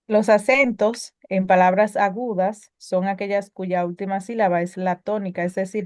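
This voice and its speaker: A woman's voice: medium pitch, a little mellow, dry recording, clean studio sound. A woman teaching a spelling lesson, reading prepared explanations with occasional filler sounds and self-corrections.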